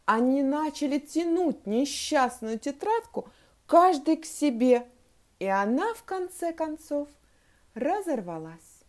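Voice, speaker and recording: A woman teacher reads a story aloud to children, slowly and deliberately. Her fairly high voice rises and falls a lot. She then quizzes the class on spelling. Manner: expressive, slow and deliberate storytelling.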